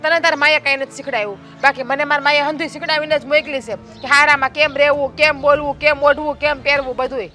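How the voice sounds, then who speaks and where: Woman doing a bossy village bhabhi, high sharp voice, always scolding, family drama. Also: steady tone, fast, hardly any pauses, faint music behind. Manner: scolding, blunt and quarrelsome. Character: strict sharp-tongued village woman, elder sister-in-law.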